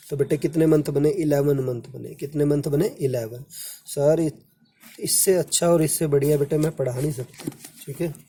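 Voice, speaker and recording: A man's voice: a little high, warm tone, slightly rough. A man teaching a commerce lesson, lecturing in a casual classroom way, counting aloud and addressing students affectionately. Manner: counts months aloud, calls students "बेटा", quotes their questions.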